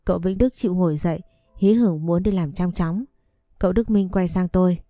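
A woman calmly narrating a story in the first person. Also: lowish voice, a little fast, no echo, studio quality, faint music behind.

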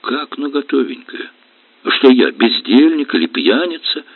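A man's voice: medium pitch, very animated, moderate pace, dry recording, pitched above the performer's own voice. A man doing a weary, bitter barge captain. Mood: stubborn. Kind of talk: audiobook reading. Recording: dull lo-fi recording.

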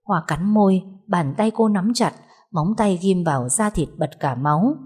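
Storyteller: woman, low, warm, breathy, expressive audiobook reading. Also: normal speed. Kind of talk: audiobook novel narration.

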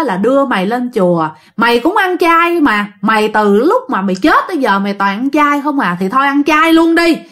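A woman voicing a stern male exorcist around seventy, with a Southern Vietnamese accent, who scolds in a forceful, barking way. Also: very high-pitched, voice pushed up, heavily acted.

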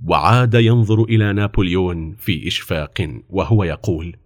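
A man narrating a children's story about a famous person's childhood in an expressive storytelling manner. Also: low-pitched, moderate pace.

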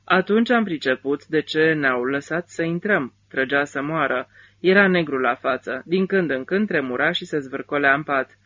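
A worn-out army driver mourns a comrade in bitter, weary words, as a male reader puts him on. His voice is bright and a little high. The audiobook recording sounds dull and lo-fi. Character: grieving middle-aged male army driver.

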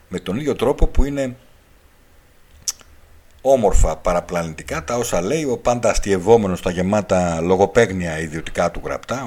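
A man's voice: low voice, darkish tone, husky. A man hosting a radio talk show, lecturing at length, spelling out letters one by one and repeating his key points. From Greece. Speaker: radio show host and author.

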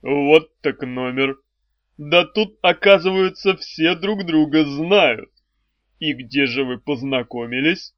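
Voicing a self-assured, mocking lord of darkness, a man speaks slowly in a somewhat high voice with dry irony. The audiobook recording is dry, echo-free, and slightly dull.

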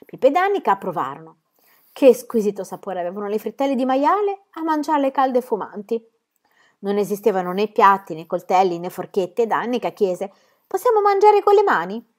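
A woman reading a children's book aloud in an expressive storytelling way. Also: mid-range voice, fairly quick. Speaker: reader.

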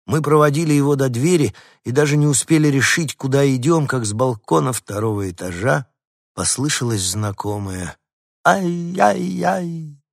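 A man narrating a storybook aloud in the first person, lively and expressive. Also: medium pitch, normal speed, no room sound, studio quality. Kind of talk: audiobook storytelling as the dog.

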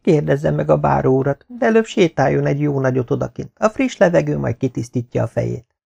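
A man doing a brisk, blunt maidservant. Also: fairly high pitch, expressive, gravelly, a little mellow, slightly rough, voice pushed up, full character voice. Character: blunt, knowing female servant.

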